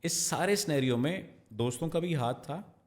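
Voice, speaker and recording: A man, a voice-over artist giving a reflective podcast interview, measured, quoting poets and slowing down for emphasis. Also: fairly high pitch, expressive. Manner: measured, quotes poets and sayings, slows for emphasis.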